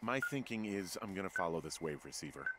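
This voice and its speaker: Dry, low-voiced wary fire lookout. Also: male voice, expressive, fast, heavy background noise. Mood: wry. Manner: dry, understated, sarcastic. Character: wary male fire lookout hiking the woods. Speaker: game character.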